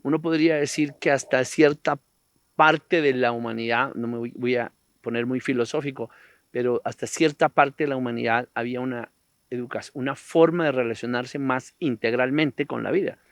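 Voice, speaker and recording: A man speaks on a discussion panel in a thoughtful, philosophical tone, with a slightly gravelly voice. He wanders into digressions and often throws in rhetorical questions. The sound is dry and close, with no room echo. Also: mid-range voice, normal speed. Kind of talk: reflective panel talk.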